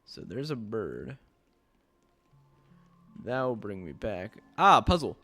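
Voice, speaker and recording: A man's voice: lowish voice, very animated, slow pace, pushed and bright, no echo. A man giving casual gameplay commentary, muttering to himself and trailing off. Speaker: gaming video host. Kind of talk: casual game playthrough commentary. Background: game music.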